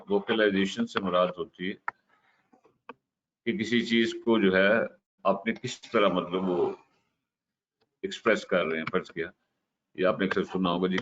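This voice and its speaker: A man gives a patient lecture in a very low voice, mixing English terms into his explanations. The recording is slightly dull, with a faint hiss underneath. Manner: explains slowly, mixes English terms into Hindi-Urdu, frequent "ठीक है" check-ins. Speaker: teacher. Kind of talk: lecture on communication.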